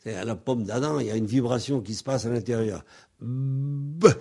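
A man's voice: fairly low pitch, fast, dark tone, breathy edge. A man patiently teaching a language lesson on a radio series, sounding out consonants aloud as he explains them.

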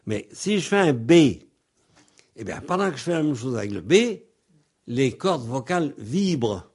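A man's voice: medium pitch, sing-song, moderate pace, darkish tone, breathy edge. A man patiently teaching a language lesson on a radio series, sounding out consonants aloud as he explains them.

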